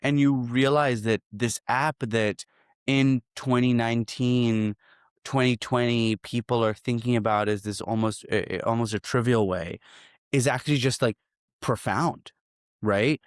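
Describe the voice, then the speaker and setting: A man from Hong Kong, a startup founder, speaking as an interview guest in a relaxed, reflective way and often repeating phrases. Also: mid-range voice, measured pace, clear, resonant tone, no echo, clean studio sound. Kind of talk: casual interview.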